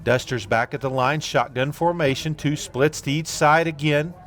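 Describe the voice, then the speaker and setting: A man doing play-by-play commentary on a local football game, calling plays briskly with relaxed asides. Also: a little high. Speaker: play-by-play announcer.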